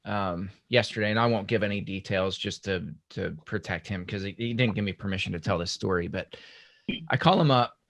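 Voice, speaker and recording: A man hosting a casual podcast conversation, retelling a phone call with animated quotes. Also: low-pitched, brisk, vocal fry.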